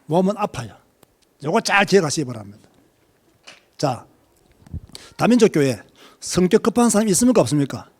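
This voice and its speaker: Lively Korean preacher. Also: male voice, high-pitched, normal speed, long pauses, slightly rough. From Korea, Busan. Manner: lively preaching, questions to the congregation. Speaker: pastor. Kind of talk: sermon.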